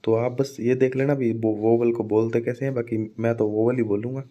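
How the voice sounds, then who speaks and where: A man's voice: mid-range voice, flat delivery, normal speed, warm tone, highs cut off. A man teaching an exam-preparation phonetics lecture in a casual classroom manner, often checking in with his students as he explains.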